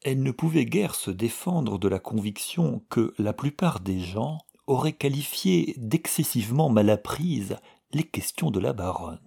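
A man narrating a novel in a measured, even storytelling manner. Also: medium pitch, gravelly, slightly rough. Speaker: audiobook reader.

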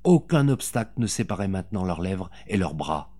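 A man reading a novel aloud as an audiobook narrator, with dramatic, expressive delivery. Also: deep voice, normal speed.

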